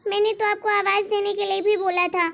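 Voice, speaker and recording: A woman's voice: very high voice, level tone, fairly quick, creaky, highs cut off. A woman voicing a meek, dutiful young daughter-in-law in a cartoon story, polite and pleading. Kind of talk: animated cartoon voice acting.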